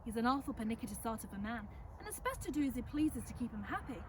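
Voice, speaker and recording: A woman's voice: on the high side, sing-song, fast talker, distant mic, background noise. A woman playing a chatty, folksy servant of centuries past, telling visitors a tale in an Ulster Scots accent. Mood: chatty, welcoming. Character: chatty, welcoming servant woman of a 17th-century Irish estate. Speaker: costumed storyteller. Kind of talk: in-character historical storytelling to visitors. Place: outdoors in front of a house.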